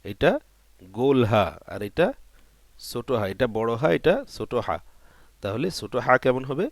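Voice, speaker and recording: A man's voice: mid-range voice, lively intonation, measured pace, no room sound. A man teaching Quran letter pronunciation, patiently drilling syllables one by one and answering his own questions. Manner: drills syllables one by one, repeating and drawing them out; asks questions and answers them himself. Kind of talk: patient step-by-step pronunciation lesson.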